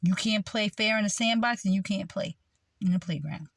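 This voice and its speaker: A woman's voice: medium pitch, moderate pace, creaky, no echo. A woman delivering a rambling religious monologue, meandering with frequent fillers and repeated words. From United States. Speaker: self-styled preacher.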